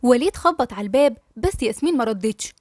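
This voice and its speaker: Egyptian lady reading a novel, brisk and friendly, dry close sound. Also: on the high side, animated, a little mellow, no echo. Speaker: storyteller.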